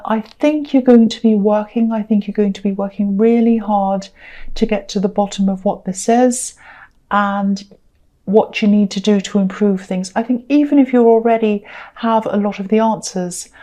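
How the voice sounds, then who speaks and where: A woman's voice: medium pitch, dark tone. A woman giving a tarot card reading, talking earnestly and reassuringly with frequent fillers and repetitions. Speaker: tarot reader.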